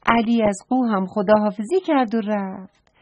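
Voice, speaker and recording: Husky-voiced woman reading a children's story. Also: mid-range voice, no room sound. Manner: gentle, addresses children directly. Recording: dull lo-fi recording.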